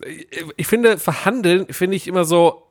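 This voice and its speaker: A man's voice: sits high, normal speed, no echo, clean studio sound. A man co-hosting a casual chat podcast, talking in a rambling, emphatic, self-mocking way. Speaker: podcast co-host.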